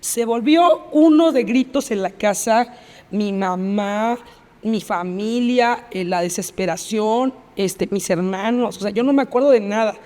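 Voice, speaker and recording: Speaking a little slowly in a warm, medium-pitched voice, this Mexican-accented woman is a podcast interview guest reliving a personal story in vivid detail. She reenacts past dialogue and repeats phrases, and a long reverb tail follows her words.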